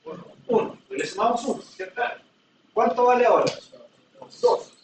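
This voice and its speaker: In a classroom lecture picked up from far away in an echoey room, a man with a very high-pitched, lively voice speaks at normal speed. He explains patiently with everyday examples and keeps asking whether students follow, over some background noise.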